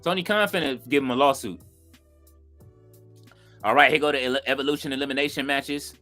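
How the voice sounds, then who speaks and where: A man hosting a live stream in a relaxed, rambling way, often dropping "you know what I'm saying." His voice sits at an ordinary middle pitch, with faint music playing behind him. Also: brisk. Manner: bursts of excited reaction. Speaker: watch-along stream host. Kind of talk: casual live-stream chat, reading viewer comments.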